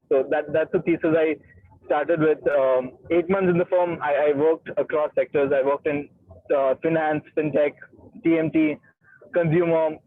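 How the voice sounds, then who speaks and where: A man's voice: on the high side, no echo. Male founder-guest, educated Indian English accent, conversational, ends points with "right?", slightly raised voice over a narrow phone-like connection. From Gujarat, India. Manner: often tags statements with "right?". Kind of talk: conversational personal account in an online interview. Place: online call from a moving car. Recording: thin, muffled radio-like call audio.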